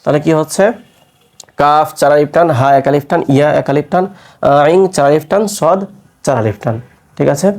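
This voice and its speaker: A man teaching a Quran recitation class, explaining patiently and stretching letter sounds to demonstrate, tired from fasting. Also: on the high side, a little mellow.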